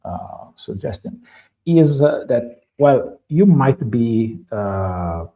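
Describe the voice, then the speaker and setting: Presenting a guide as co-host of a live tech stream, an Italian man with an Italian accent, a native speaker of the language, hesitates often, using lots of fillers and restarts. He has a warm, mid-range voice that is animated, with drawn-out words and vocal fry, in a muffled recording.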